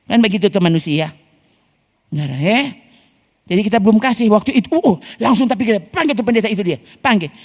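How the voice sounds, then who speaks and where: A woman's voice: medium pitch, expressive, quick pace, a little mellow. A woman pastor with a Manado Malay accent, telling a personal testimony in a sermon and often addressing the congregation. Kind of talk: storytelling sermon. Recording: long hall reverb.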